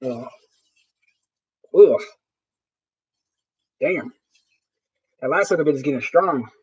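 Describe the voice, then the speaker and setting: High-pitched guy rambling and cussing on his live stream, dull muffled audio. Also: animated, slow pace, a little mellow, breathy edge. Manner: rambling, profane, with frequent restarts. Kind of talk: casual live-stream chat. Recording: dull lo-fi sound.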